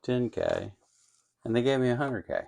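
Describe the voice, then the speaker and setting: Gravelly and a little mellow, his medium-pitched voice is expressive and moves at a moderate pace. He hosts an electronics kit-building channel and narrates his hands-on workbench work casually without a script, musing and hesitating as he thinks aloud.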